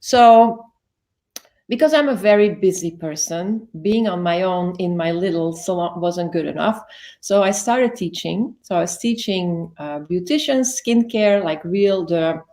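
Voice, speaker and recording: Her lowish, dark voice moves a little slowly as she chats through her life story in an interview. The guest is a Belgian woman in her fifties who keeps correcting herself and fills her speech with "like."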